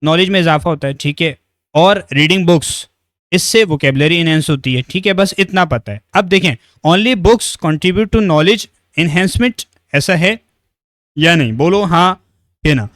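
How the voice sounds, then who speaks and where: Coaxing teacher. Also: male voice, a little high, a bit bright, no room sound, studio quality. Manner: coaxing, repeats checks like "right?" to students; reads English sentences slowly and deliberately. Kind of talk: exam-prep lecture.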